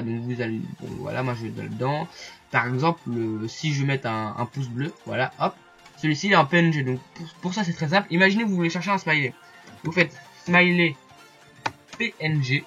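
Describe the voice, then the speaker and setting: A YouTuber walks viewers through a photo-editing site in a casual screen-recorded tutorial, chatty and hesitant, with lots of fillers and asides. His medium-pitched voice is bright and forceful, and the recording is muffled.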